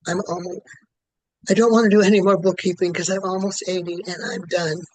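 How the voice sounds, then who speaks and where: A high, flat voice belonging to a man in his late seventies repeats one statement continuously at a quick, steady clip, as though he were a client in a tapping session. The recording is close, dry, echo-free, and of low quality.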